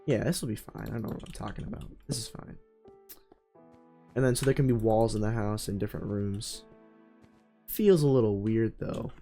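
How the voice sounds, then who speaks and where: A man's voice: medium pitch, creaky, warm tone. A man hosting a let's play, giving casual commentary as he builds and thinking aloud, often trailing off, restarting and correcting himself. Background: faint background music.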